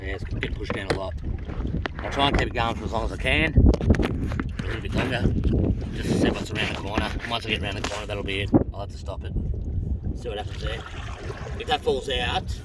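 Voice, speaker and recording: A man's voice: fairly low pitch, fast talker. An Australian man with a blokey, tradesman-like way of talking, chatting casually to camera in a laid-back, rambling, thinking-aloud manner as he paddles. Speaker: vlogger. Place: outdoors on a canoe on open water. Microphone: phone propped up in front of him. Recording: distant phone mic, clear wind and water noise.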